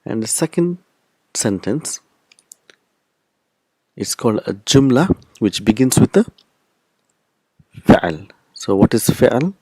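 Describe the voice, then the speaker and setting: A man's voice: mid-range voice, very animated, takes it slowly, pauses often, warm tone, slightly rough, dry recording. A man teaching a recorded language lesson, explaining step by step and repeating key terms. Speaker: Arabic teacher.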